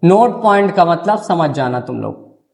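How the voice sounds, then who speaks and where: High-voiced Hindi maths teacher dictating slowly. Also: male voice, animated, creaky. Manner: dictates slowly, repeating words for notes; asks students rhetorical checks. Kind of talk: classroom lecture.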